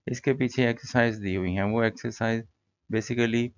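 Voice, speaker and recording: A man teaching an English lesson in a relaxed, conversational way, explaining words and pausing often with fillers. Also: medium pitch, lo-fi sound, slight background noise. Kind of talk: casual classroom-style lesson.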